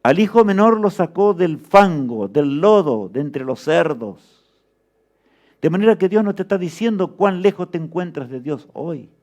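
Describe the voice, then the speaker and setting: A man's voice: on the high side, lively intonation, moderate pace, a little mellow, highs cut off. A man preaching a sermon with fervor, often asking his listeners rhetorical questions.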